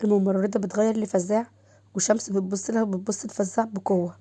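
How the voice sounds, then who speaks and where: Egyptian woman storyteller, mellow tone. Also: medium pitch, little pitch movement, fast, slightly rough. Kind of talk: scripted story narration.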